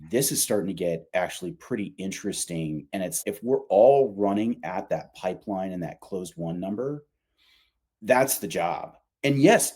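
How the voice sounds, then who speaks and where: A man with a low, very mellow voice appears as a guest on a podcast, where he works as a company revenue executive. In this casual interview he shares his opinions in colloquial, emphatic language.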